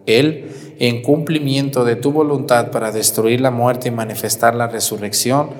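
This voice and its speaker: A priest leads Mass in a large church, reciting the liturgy in a solemn, measured cadence. His voice sits at an ordinary middle pitch. Each phrase rings out with a long cathedral echo. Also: fairly even intonation. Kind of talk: celebrating Mass.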